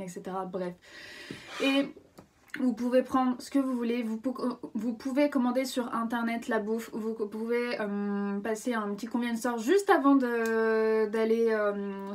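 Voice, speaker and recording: A woman's voice: on the high side, recorded from a distance. Chatty young Frenchwoman, rambling vlog. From France. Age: 20s. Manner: chatty, rambling, lots of fillers and self-corrections. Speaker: vlogger. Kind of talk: casual explainer vlog.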